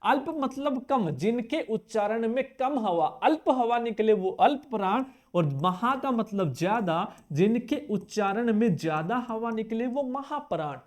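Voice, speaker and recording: A man's voice: sits high, animated, unhurried, hardly any pauses. A male teacher giving an exam-prep grammar lesson who fires questions at his viewers, answers them himself, repeats key terms to drill them and casually calls them brother.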